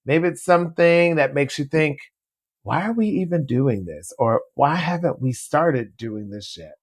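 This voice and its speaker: A podcast host leads into a new segment with an upbeat, playful delivery. The voice sits at a middle pitch. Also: animated, measured pace.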